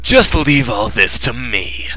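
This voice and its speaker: A man voicing an eager, easily flustered young student adventurer from a video game, in an expressive, dramatic and casual way. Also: medium pitch, takes it slowly, soft background music, exaggerated voice. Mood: sheepish, casual. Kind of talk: acted video game dialogue reading.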